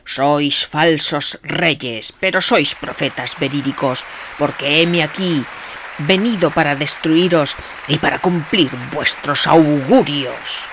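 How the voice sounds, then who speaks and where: A woman reading the part of a calm, defiant male poet who declaims steadily and firmly. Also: sits low, takes it slowly, slight background noise, full character voice.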